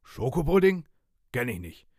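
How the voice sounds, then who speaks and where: A man growling out a gruff, greedy pirate captain from a storybook, slow and grumbling, with a rougher timbre than a plain reading voice. His rumbling sits dry and close, with no room around it. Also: expressive, pushed and bright, dry recording.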